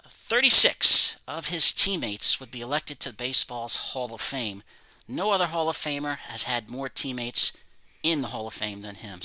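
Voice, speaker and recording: A man's voice: medium pitch, bright, forceful tone, no room sound, rough recording. A man presenting items from his autograph collection, reading facts about each in a plain, matter-of-fact way. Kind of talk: casual show-and-tell narration.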